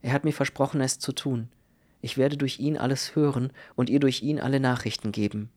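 An earnest, protective young man talks in a calm and reassuring way, as a male reader voices him. His voice sits at an ordinary middle pitch, steady and measured, in an audiobook reading. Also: lightly acted.

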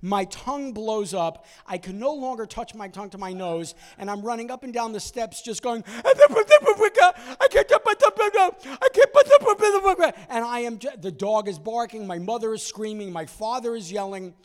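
A man in his sixties telling a personal story in an animated way, acting out voices and moments from it. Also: sits high, a little fast, few pauses.

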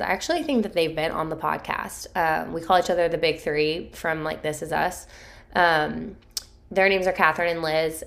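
Hosting her podcast alone, a woman speaks in a hoarse, lowish voice while she recovers from a sore throat. It's a casual solo chat, and she rambles candidly with plenty of fillers.

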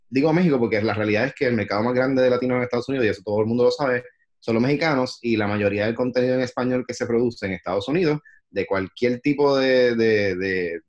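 A man with a Puerto Rican Spanish accent, a podcast guest who once worked in sports television, talking things through slowly with many fillers. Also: mid-range voice, dull audio. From Puerto Rico. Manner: thoughtful, many fillers like "este". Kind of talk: casual podcast chat.

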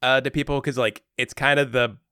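Brief: young male podcast guest, relaxed rambling talker, dry close-miked sound. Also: medium pitch, a little fast, clean tone, no echo. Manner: laid-back, rambling with lots of "like" and "um". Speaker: podcast co-host, special guest. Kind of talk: casual chat.

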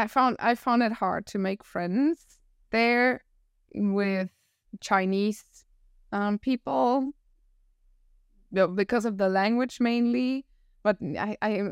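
A woman in her thirties with a northern German accent, a podcast guest telling her story in a reflective, animated way. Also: mid-range voice, clear, resonant tone, no echo, clean studio sound. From northern Germany, near Hamburg. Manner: reflective, animated storyteller who laughs often. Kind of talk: casual interview conversation.

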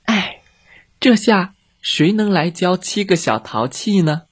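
A fretful storybook mother hen, voiced by a man, with a raised, sighing voice and a breathy edge. She sounds slow and put-upon. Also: high-pitched, lively intonation, voice pushed up, exaggerated voice. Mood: worried.

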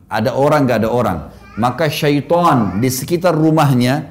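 A male preacher speaks to his congregation in a relaxed storytelling sermon. He drifts between low, quiet asides and bright, high bursts when a story amuses him. He often chuckles through his anecdotes. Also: normal speed.

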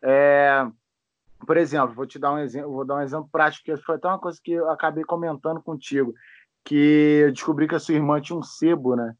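A man's voice: fairly high pitch, fairly even intonation, a little fast, no echo. A Brazilian man hosting a podcast, chatting casually, rambling with many restarts and casual swearing. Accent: Brazilian Portuguese. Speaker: podcast host. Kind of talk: casual chat. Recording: dull lo-fi dry sound.

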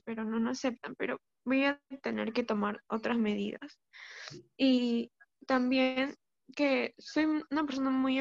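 Young woman caller, halting and unsure, slightly high voice with gravelly fry, dull dry call audio. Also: no echo. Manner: hesitant, halting. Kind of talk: call-in advice chat. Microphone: video call.

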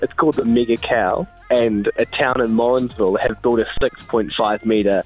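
A man's voice: mid-range voice, fairly even intonation, moderate pace, slightly rough, low-quality recording. A man with a New Zealand accent giving casual, humorous news chat in an informal, giggly, hesitant storytelling way. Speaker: radio news segment correspondent. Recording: faint music behind. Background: music.

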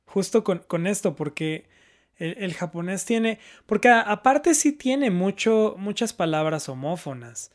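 Man, higher pitch, casual chat, careful measured delivery. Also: lively intonation. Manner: careful, measured, with some hesitations.

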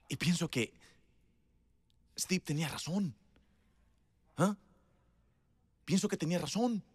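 A man's voice: fairly high pitch, slow pace, pauses often, slightly rough, no echo. A man preaching a sermon in a conversational storytelling way, emphatic and laughing often.

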